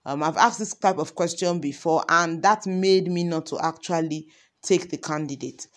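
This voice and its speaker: Pitched fairly low and moving at normal speed, this woman leads a casual parenting lesson. Her delivery is conversational, full of example questions, with frequent "um" and "you know."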